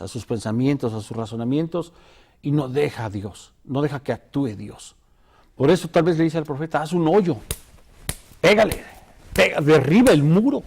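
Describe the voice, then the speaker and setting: A man's voice: mid-range voice, warm tone. A male pastor talking earnestly and emotionally about God's love on a devotional talk show.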